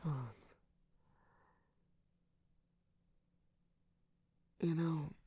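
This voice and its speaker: A man voicing a sly, distrustful jester cookie villain in an intimate ASMR roleplay, teasing and theatrical in a breathy, husky, often whispered voice close to the microphone. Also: fairly high pitch, a little mellow, dry recording, heavily acted. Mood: grudging, confiding. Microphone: close-up microphone, dry.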